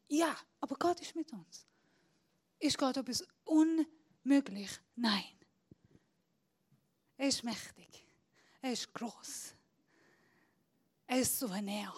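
Eine Predigerin, die nicht als Muttersprachlerin spricht und zwischen lautem Rufen und leisem Flüstern wechselt. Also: female voice, on the high side, breathy edge. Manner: swings between loud shouting and hushed whispers. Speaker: preacher. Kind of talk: sermon.

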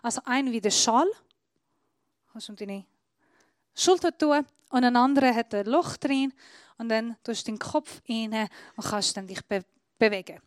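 A woman's voice: a little high, moderate pace, pauses often, dry recording, studio quality. A woman from Iran, preaching a sermon in with many grammar slips, explaining as she shows props.

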